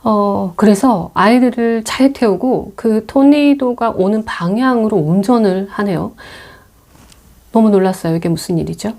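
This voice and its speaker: Middle-aged female storyteller recapping a film, casual and chatty, mellow low-key timbre. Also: moderate pace. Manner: chatty, many fillers, acts out quotes. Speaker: movie mentor retelling films. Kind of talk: audio film retelling.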